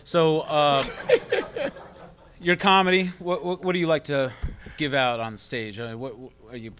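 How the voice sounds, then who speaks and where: A man's voice: a little high, fairly even intonation, a little slow, fairly bright tone, a little hiss or hum. A man interviewing a comedian in a casual conversation, asking teasing, joking questions.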